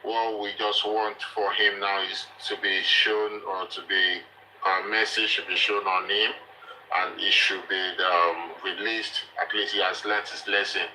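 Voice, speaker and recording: A man giving measured, hesitant commentary as a panelist in a live discussion. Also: lowish voice, flat delivery, pushed and bright, rough recording. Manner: hesitant, halting, deliberate. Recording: faint background noise on live call.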